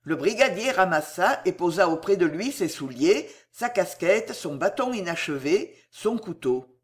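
A narrator reading a war story aloud with an expressive, dramatic delivery. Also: medium pitch, a little slow.

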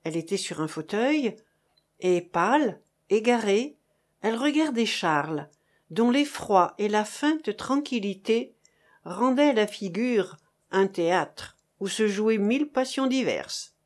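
A woman narrating a chapter of a novel as an audiobook, with a measured, dramatic reading. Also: medium pitch, lively intonation. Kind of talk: scripted narration.

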